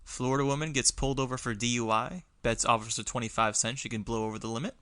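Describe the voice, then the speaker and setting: A man's voice: medium pitch, fairly even intonation, fast talker, bright, forceful tone, no echo. A young man co-hosting a comedy podcast, riffing on silly scenarios and laughing often. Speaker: podcast co-host. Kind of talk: casual comedic banter.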